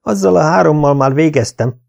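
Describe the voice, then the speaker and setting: A man's voice: a little high, vocal fry, darkish tone, pitched above the performer's own voice. Man putting on a boastful vet surgeon. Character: confident, excitable male veterinary surgeon colleague.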